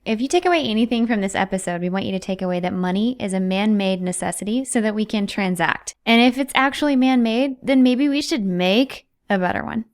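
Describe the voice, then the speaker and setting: Playful woman podcast co-host. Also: mid-range voice. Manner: bubbly, playful, quick to joke. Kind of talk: casual podcast chat.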